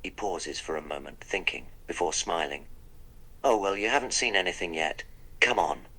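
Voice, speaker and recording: A man's voice: low-pitched, lively intonation, normal speed, pushed and bright, exaggerated voice, rough recording. A man voicing the Doctor, a wry, polite eccentric time traveller, in a text-to-speech role-play that narrates his own actions.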